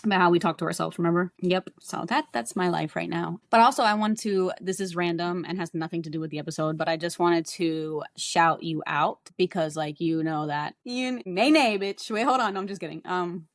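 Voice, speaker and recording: A woman's voice: lowish voice, brisk, hardly any pauses, no echo. A young adult woman co-hosting a podcast, telling rambling stories in casual chat and swearing freely. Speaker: podcast co-host.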